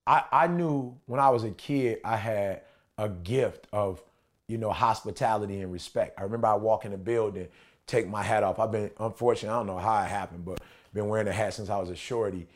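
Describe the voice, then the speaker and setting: An American man in his forties, with a lowish voice and brisk pace, tells personal stories in a casual podcast chat. He's animated, emphatic, slangy, and repetitive like a preacher or motivational speaker, often checking that the listener is following.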